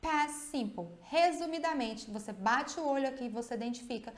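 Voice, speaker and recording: A woman's voice: high voice, a little fast, reverberant. A Brazilian woman teaching English grammar in a video lesson, explaining step by step and often checking in with tag questions. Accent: Brazilian Portuguese.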